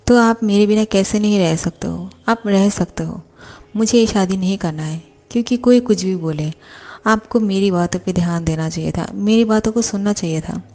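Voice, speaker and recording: A woman's voice: mid-range voice, a little mellow, close to an everyday voice. A woman voicing a young male secretary who reproaches his boss for not listening to him, read in a plain storytelling voice. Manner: reproachful, complaining.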